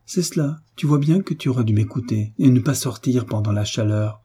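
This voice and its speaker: A man reading the lines of a fretful, gently scolding elderly grandmother in an audiobook. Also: mid-range voice, a little fast, husky.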